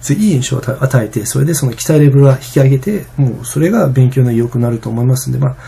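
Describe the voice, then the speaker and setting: Fast, gravelly, husky-voiced man. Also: mid-range voice, dark tone. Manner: rambling, many fillers and restarts. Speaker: vlogger. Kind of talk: casual vlog monologue.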